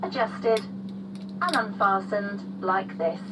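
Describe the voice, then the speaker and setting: A woman's voice: medium pitch, slow pace. A woman speaking as a flight attendant, formally reading scripted safety instructions to passengers. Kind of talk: scripted airline safety announcement. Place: aircraft cabin. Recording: distant cabin PA with clear hum.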